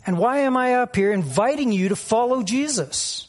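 A man's voice: very high-pitched, animated, normal speed. A man preaching a sermon as pastor, telling personal stories in a reflective way with frequent fillers.

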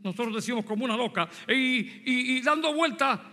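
Preaching with an extremely high pitch, this man from Puerto Rico, in his sixties, talks briskly in a bright, forceful tone and a Puerto Rican Spanish accent. His sermon includes a story from his younger days and direct questions aimed at the congregation, all captured with long hall reverb.

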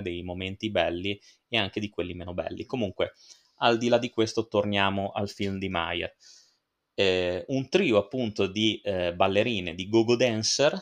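A man with a fairly low voice hosts a film-review podcast, talking in a loose, chatty way. He drifts into asides and fills his pauses with hesitant sounds. He sounds like someone in his thirties chatting with regular listeners. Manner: chatty and digressive, with frequent fillers and asides. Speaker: podcast host reviewing films. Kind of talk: casual spoken film review.

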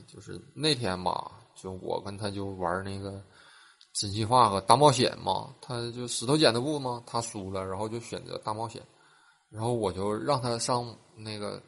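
A man telling a string of short funny stories in a casual way, laughing loudly at his own punchlines. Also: on the low side, moderate pace, creaky. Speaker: joke teller. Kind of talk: casual joke storytelling.

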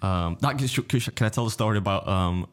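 A man's voice: on the low side, moderate pace. A young man with a Yorkshire accent, co-hosting a podcast and telling a rambling story full of restarts and swearing. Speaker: podcast co-host. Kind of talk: casual chat.

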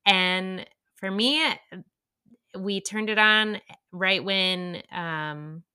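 Bright-voiced woman, halting and earnest. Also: medium pitch, fairly even intonation, clean tone. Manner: halting, many fillers and restarts, earnest. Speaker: podcast co-host. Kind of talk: casual podcast chat.

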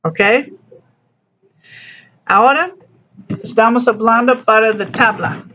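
Slow, patient teacher on a dull recording. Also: mid-range voice, bright, forceful tone, a little hiss or hum. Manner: slow, patient explanations mixing broken Spanish with English. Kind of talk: recorded class lesson walking through a textbook.

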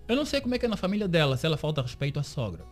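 Animated man telling his side. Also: on the high side, rapid-fire, faint music behind. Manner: animated storyteller, acts out quoted dialogue. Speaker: interview guest, series creator. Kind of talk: radio interview. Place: radio studio.

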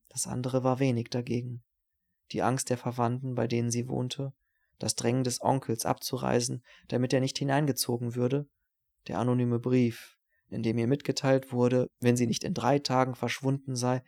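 Gravelly guy reading a novel out loud, steady and measured. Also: mid-range voice. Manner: measured, even storytelling. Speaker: narrator. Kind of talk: scripted audiobook narration.

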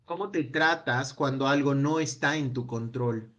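A man leading a self-help workshop, asking a long run of gentle reflective questions that trail off with a quiet "no?". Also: medium pitch, a little slow, highs cut off. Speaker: workshop speaker.

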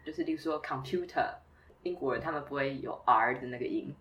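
A woman from Taiwan, a former doctoral student, chatting casually and telling stories in a lively way. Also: a bass voice, fast, distant mic, muffled recording. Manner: chatty, storytelling, laughs easily. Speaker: guest, former PhD student. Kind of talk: casual conversation.

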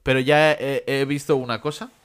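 A young man co-hosting a casual podcast chat, retelling cartoon scenes with bursts of shouted lines. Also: medium pitch, steady tone, moderate pace, clean tone. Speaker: podcast co-host.

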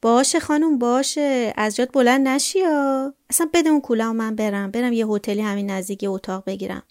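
A woman's voice: on the high side, steady tone, a little mellow, close to an everyday voice. A woman voicing a cheeky, melodramatic young male friend who teases and plays the victim in casual banter. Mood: sulky. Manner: teasing, self-pitying colloquial banter.

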